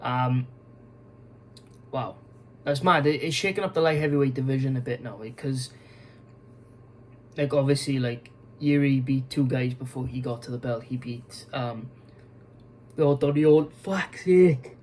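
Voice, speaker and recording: A man's voice: medium pitch, steady tone, a little slow, long pauses, a little mellow, poor audio. A young man talking casually as an MMA video host, rambling with many fillers, restarts and frequent swearing, tired and yawning. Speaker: MMA YouTuber. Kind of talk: casual news commentary vlog.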